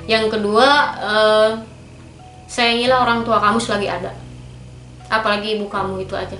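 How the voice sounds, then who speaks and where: A woman's voice: medium pitch, level tone, moderate pace, fairly bright tone, a little hiss or hum. A woman, speaking frankly and firmly as a guest about her own life. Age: 30s. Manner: frank and firm, many filler tags. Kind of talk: candid personal interview. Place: small indoor pink-decorated studio. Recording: roomy echo with faint background music.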